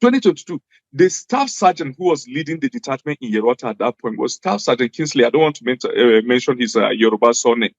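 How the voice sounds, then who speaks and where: This man, a native Hausa speaker from Jos, Nigeria, is a former government official giving an interview in Hausa-accented English. He talks fast and animatedly in a mid-range voice, staying earnest and emphatic and repeating phrases to drive points home. The sound is lo-fi and dry, with no room sound.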